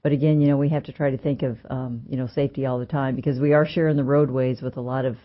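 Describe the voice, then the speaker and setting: A man's voice: medium pitch, steady tone, fast talker. A man speaking conversationally as a guest in a radio studio interview. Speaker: radio studio guest, trade association president. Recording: dull lo-fi radio audio.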